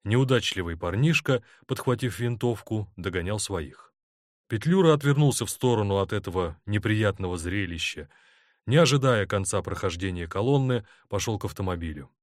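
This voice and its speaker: Male audiobook reader, low voice, animated delivery, dry booth. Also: moderate pace, no room sound. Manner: expressive, dramatic reading. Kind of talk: scripted narration.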